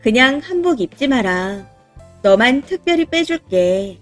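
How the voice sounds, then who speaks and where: A woman's voice: fairly high pitch, very animated, unhurried, soft background music. A woman voicing a blunt, dismissive older mother-in-law who talks in plain, matter-of-fact commands. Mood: brusque.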